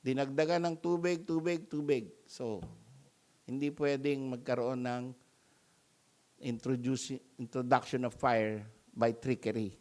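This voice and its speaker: A man's voice: medium pitch, measured pace. A man with a Filipino accent preaching a sermon in a conversational style, often adding tag questions and raising his voice when he acts out scenes. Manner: animated, rising loud when acting out mockery. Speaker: pastor.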